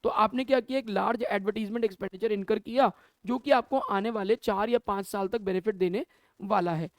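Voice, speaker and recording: A man's voice: sits high, brisk, no echo. Man teaching accounts, question and answer. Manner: asks questions and answers them himself; mixes Hindi and English terms. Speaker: commerce teacher. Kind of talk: classroom lecture to students. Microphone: camera mic.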